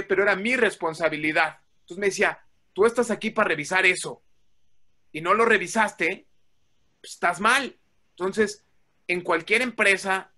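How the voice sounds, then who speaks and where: A guest tells a work story in a bright, high-pitched male voice. He is animated, acts out quoted dialogue, and swears casually.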